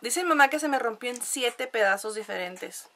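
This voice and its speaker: Nasal mexican girl chatting to her camera, kinda high voice, laughs a lot. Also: lively intonation, normal speed, pushed and bright. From La Paz, Mexico. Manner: chatty, laughs often, many fillers. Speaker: vlogger. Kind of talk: casual chat to camera.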